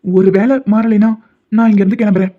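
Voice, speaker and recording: Speaking at medium pitch with a steady tone and a fairly quick pace, this male lead sounds close to an everyday voice. The voice actor portrays a stubborn young doctor in animated romance dubbing, calling the heroine pet names, teasing her, and claiming she's his wife. The recording is dull and lo-fi, with music faintly audible.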